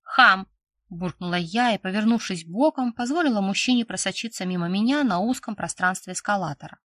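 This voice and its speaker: A woman narrating a first-person story aloud, reading in a lively, expressive way. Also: mid-range voice, a little fast, no echo. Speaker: audiobook narrator.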